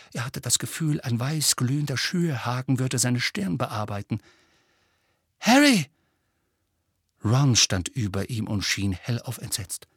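A man reading an audiobook, with expressive, tension-building narration. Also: mid-range voice, husky, no echo, studio quality.

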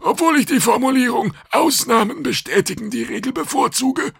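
A man's voice: animated, normal speed, vocal fry, breathy edge, dry recording, clean studio sound, full character voice. A man voicing a stubborn, pedantic alien customs master in an audiobook. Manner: high, strained, indignant.

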